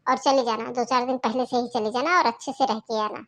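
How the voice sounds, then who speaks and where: A woman voicing a kindly older mother-in-law in a cartoon, giving advice in a gentle, persuasive way. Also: a little high, fairly even intonation, brisk. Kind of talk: cartoon voice acting.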